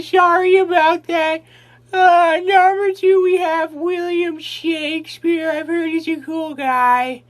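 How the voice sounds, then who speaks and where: A timid cartoon boy in an extremely high, nasal whine. He speaks very slowly and haltingly, stretching words out with dorky earnestness, as in a comic impression challenge. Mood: hesitant, eager. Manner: halting, numbered delivery with drawn-out words. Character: Carl Wheezer, timid whiny cartoon boy.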